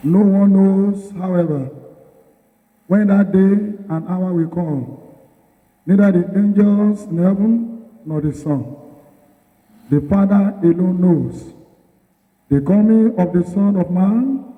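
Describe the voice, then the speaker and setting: A man reading the Gospel at a church service in a deliberate, formal way. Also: sits high. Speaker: liturgical reader of the Gospel. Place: large reverberant church, far from mic. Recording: distant, phone-like band, long church reverb.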